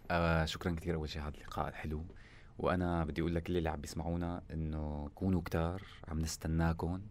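Fast-talking, low-voiced Syrian man. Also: flat delivery, a little hiss or hum. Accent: Syrian Arabic. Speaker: musician interviewed as a guest. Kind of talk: casual conversational interview.

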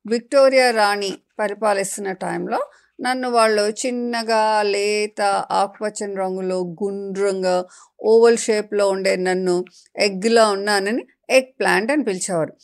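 A woman voicing a friendly, know-it-all talking eggplant in a children's story, lecturing in a lively, playful way. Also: medium pitch, close to an everyday voice.

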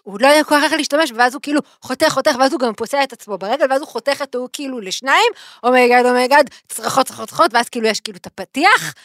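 A woman co-hosting a podcast, chatting casually and retelling a TV episode in an excited, rambling way full of fillers. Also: high voice, hardly any pauses, dry recording, clean studio sound. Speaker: podcast co-host. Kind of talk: casual chat.

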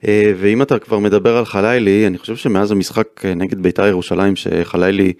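A man's voice: fairly low pitch, little pitch movement, darkish tone, no room sound, studio quality. A male football pundit in a casual chat who breaks down plays in detail and brings up statistics emphatically. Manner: detailed, stat-citing, emphatic.

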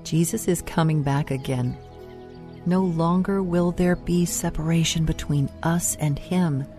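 A woman with a low, mellow voice leads a guided meditation over music. Her delivery is soft and unhurried, with room left between phrases for breathing and prayer. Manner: soft, soothing, unhurried delivery with long pauses. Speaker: meditation host.

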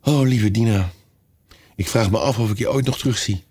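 A man's voice: lowish voice, normal speed, a little mellow, breathy edge. A man reading a storybook aloud, voicing a curious and polite young girl who talks earnestly and pleads. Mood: wistful.

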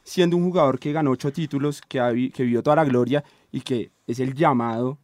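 A man's voice: medium pitch, fairly even intonation, fairly quick, darkish tone, no echo. A man argues football on a talk show, circling back over his points and checking in with his listeners as he goes. His voice sits in a middling register and is recorded dry, with no room sound behind it. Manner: rambling, many restarts and "¿sí?" tags. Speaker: sports talk co-host. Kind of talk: casual football debate.

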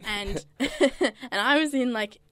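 A woman's voice: a little high, slow, a bit bright, no echo. Chatty young woman storyteller. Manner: chatty storyteller who laughs often. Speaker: podcast co-host. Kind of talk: casual chat.

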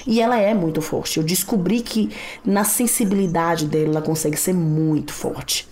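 Earnest mother telling stories warmly. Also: on the low side, moderate pace, slight background noise. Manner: earnest, animated storytelling with acted quotes. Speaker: mother and podcast guest. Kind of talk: casual conversation.

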